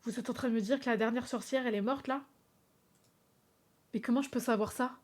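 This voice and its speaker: A young woman streaming live, chatting casually with her viewers, animated and laughing often. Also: fairly high pitch, brisk. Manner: animated, laughs often, talks straight to chat.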